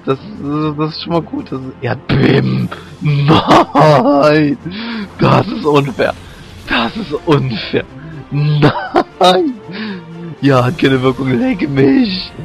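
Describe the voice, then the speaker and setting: Guy playing a video game, cursing a lot, kinda hoarse, voice jumps way up when he yells, slow drawl. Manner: frustrated, swearing, yelps in high bursts. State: voice going hoarse. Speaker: let's play gamer. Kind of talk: game commentary.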